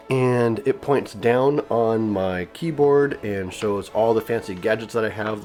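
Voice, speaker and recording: A man with a fairly low voice gives a casual, rambling update to his channel's viewers from his home gaming setup. He talks with frequent fillers and restarts, and faint music plays underneath. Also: darkish tone. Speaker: YouTube gaming channel host.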